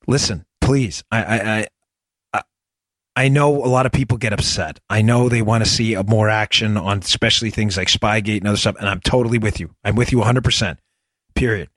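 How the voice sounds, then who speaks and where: A man's voice: on the low side, fairly quick, fairly bright tone, no echo. A middle-aged man hosting a political commentary show, talking emphatically with frequent restarts. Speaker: radio show host.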